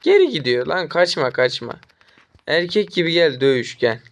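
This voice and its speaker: A young man from Turkey commentating his own mobile game as he plays, taunting and trash-talking the enemy and getting excitable during chases. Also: a little high, normal speed. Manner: excitable, jumps up when chasing. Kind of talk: live gameplay commentary.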